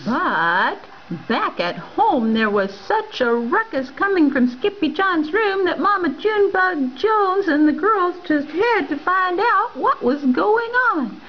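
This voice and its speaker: A woman's voice: extremely high pitch, slow, muffled recording, slight background noise. Playful woman reading a picture book. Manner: expressive, playful reading with Spanish words. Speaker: reader. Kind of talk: storybook read-aloud.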